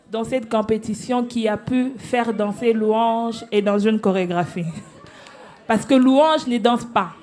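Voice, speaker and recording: A woman's voice: on the high side, darkish tone. A woman giving live feedback to singers as a competition judge, encouraging each act and blessing them.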